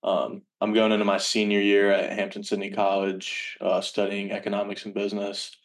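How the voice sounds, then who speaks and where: Sounding a good way from the microphone, a man in his early twenties gives casual interview answers as a podcast guest. His voice is on the low side and very monotone. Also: moderate pace. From Virginia, United States. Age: early 20s. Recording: distant from the microphone.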